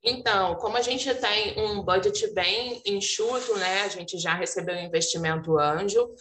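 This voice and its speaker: A woman founder answering pitch questions on a video call, composed and explanatory. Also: normal speed, a bit bright, slight background noise. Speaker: founder of a sportswear brand. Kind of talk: answering questions at a demo day. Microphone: video call with earphones. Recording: roomy, distant video call audio.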